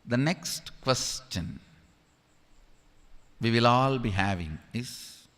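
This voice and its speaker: A male spiritual teacher delivers a discourse at an unhurried, deliberate pace, and his pitch swings widely as he stresses points. He keeps urging the audience to listen and asks them questions. His voice carries a long reverb, as if spoken in a large hall. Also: animated, a bit bright.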